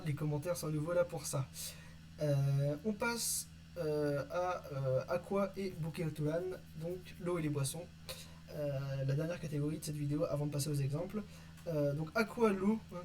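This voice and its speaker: A man teaching vocabulary from an invented language in a casual lesson, reading word lists and pausing often with fillers. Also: on the high side, darkish tone, a little hiss or hum, low-quality recording. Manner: reads word lists, hesitant with many "euh". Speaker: conlang teacher.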